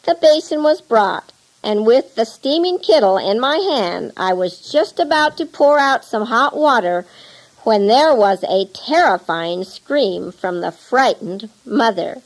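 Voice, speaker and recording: Cast: woman narrator, unhurried and calm, slightly high voice, storybook reading. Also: poor audio. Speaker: audiobook reader. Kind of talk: scripted narration of a true mission story.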